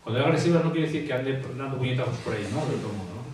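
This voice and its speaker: A man's voice: medium pitch, lively intonation, very fast, darkish tone, far from the mic. Hesitant man, echoey and off-mic. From Asturias, Spain. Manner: hesitant, many fillers and tag questions. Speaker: graphologist. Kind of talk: expert explaining in an interview. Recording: echoey room, off-mic, faint hiss.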